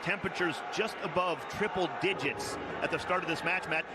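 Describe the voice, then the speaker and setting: High-voiced male match commentator, loud stadium noise. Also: a little fast. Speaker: play-by-play sports commentator, lead host. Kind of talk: live television match commentary.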